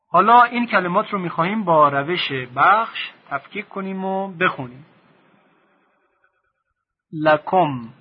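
A man teaching Quranic reading, drawing out each syllable slowly for the listener to repeat. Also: sits high, breathy edge, dull audio. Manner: slow, drawn-out syllables for repetition. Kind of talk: Quran recitation lesson.

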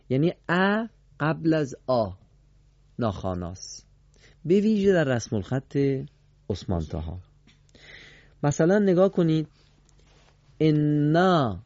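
A man leads a Quran recitation class in a radio studio, putting questions to his students and repeating their replies. He talks emphatically, with sharp pitch jumps on key words, in a dark, mellow voice. The sound is dry and a little dull, like a radio broadcast. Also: dry recording.

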